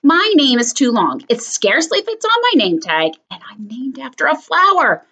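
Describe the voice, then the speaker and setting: A woman's voice: high-pitched, big pitch swings, normal speed, fairly bright tone, heavily acted. A woman reading aloud, voicing a sensitive, hurt young girl who speaks plaintively. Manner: plaintive, earnest. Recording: slightly muffled lo-fi recording.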